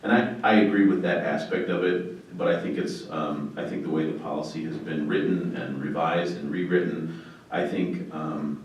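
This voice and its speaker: A man with an American accent speaking as a board member in a meeting, in a hesitant, measured way. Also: rumbling low, steady tone. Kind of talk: meeting discussion. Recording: echoey room, far mic, faint noise.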